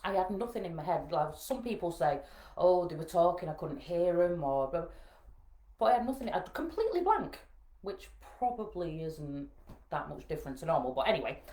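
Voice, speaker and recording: A woman's voice: lowish voice, very animated, fairly quick, mellow. A Northern English woman telling her own story to camera, plainspoken and frank with dry jokey asides. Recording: roomy echo.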